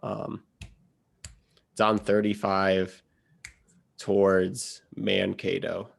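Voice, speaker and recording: Gravelly low-voiced podcast host. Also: male voice, level tone, drawn-out words. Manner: storytelling, quoting himself, says "like" often. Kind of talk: casual podcast conversation.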